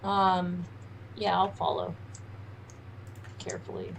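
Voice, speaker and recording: A woman's voice: on the low side, very animated, takes it slowly, gravelly, noisy background. A woman chatting casually as a player at a tabletop game.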